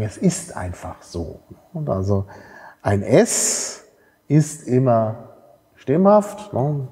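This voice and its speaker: A man lectures in a large hall, and his voice carries a long reverb. He sounds dark and slightly husky as he explains each point patiently, with tag questions and fillers along the way. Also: mid-range voice. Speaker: university lecturer. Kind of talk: university lecture.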